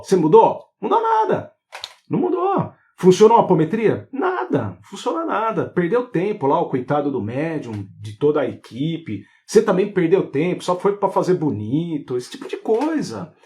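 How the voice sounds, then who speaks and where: A man hosts a live online talk on spiritual matters. His voice sits a little high for a man, and he speaks in an animated way, firing rhetorical questions and checking that listeners follow. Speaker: spiritual therapy host.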